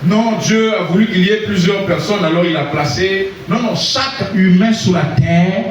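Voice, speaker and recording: A man from Congo preaching a sermon, calling out to the congregation for responses and rising to shouts. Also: high voice, normal speed, muffled recording, slight background noise. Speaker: pastor. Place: church hall. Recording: echoey hall, voice from far off.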